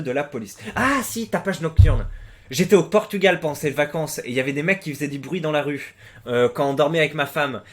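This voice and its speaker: A young man from France riffs on viewer stories in a loose, offhand way, full of fillers and restarts. His talk is crude and slangy. When he tells his own stories he breaks into loud, animated bursts. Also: on the high side. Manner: rambling, hesitant with frequent fillers and restarts; crude slang, swears freely. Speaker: YouTube host reading viewer posts. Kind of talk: casual commentary on forum posts.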